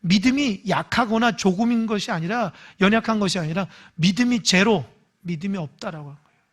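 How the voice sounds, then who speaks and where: A male pastor giving a Sunday morning sermon, emphatic, swinging between loud calls and hushed asides and acting out voices in dialogue. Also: sits high, a little fast. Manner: acts out quoted voices in dialogue.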